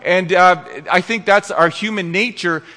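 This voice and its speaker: Bright-voiced man preaching in a reverberant hall. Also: high-pitched, a little slow. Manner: earnest preaching with scripture readings and frequent restarts. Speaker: pastor. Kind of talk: sermon.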